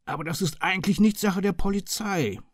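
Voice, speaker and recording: A man's voice: medium pitch, sing-song, moderate pace, no echo, pitched above the performer's own voice. Man doing a chubby sly old inspector, wry and offhand, voice goes all over the place. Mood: eager. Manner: dry, wry, offhand murmuring. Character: stout, sly, jovial old chief inspector.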